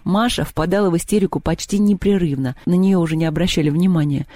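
A man narrates a story in an expressive audiobook reading. His voice sits slightly high yet mellow, and the recording is dry and close. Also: fast, dry recording. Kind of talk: scripted narration.

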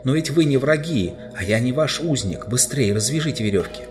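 A man's voice: medium pitch, expressive, a little fast, music in the background, voice pushed up, natural voice. A man reading aloud and voicing a desperate, enchanted young knight who is tied to a chair, pleading passionately. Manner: impassioned, pleading then raging.

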